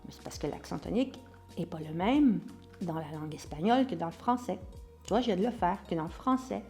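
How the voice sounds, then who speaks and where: A woman's voice: lowish voice, expressive, fairly quick, darkish tone, soft background music. A woman with a Québécois French accent giving an online acting lesson, explaining and demonstrating word stress by example. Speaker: acting teacher.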